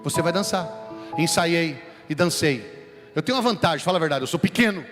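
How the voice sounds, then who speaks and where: A man from Brazil with a São Paulo accent, preaching a sermon and telling a personal story, animated and acting out the voices he quotes. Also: a little high, a little fast. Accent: São Paulo Brazilian Portuguese. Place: large church sanctuary. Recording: long hall reverb with music behind.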